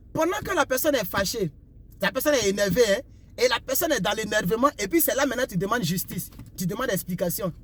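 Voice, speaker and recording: A young man from Ivory Coast with an Ivorian French accent, giving repetitive, preachy life advice in a casual talk while driving his car. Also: extremely high pitch. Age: young adult. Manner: repetitive, preachy, asks "vous comprenez un peu?". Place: inside a car on the road. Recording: faint road and car noise.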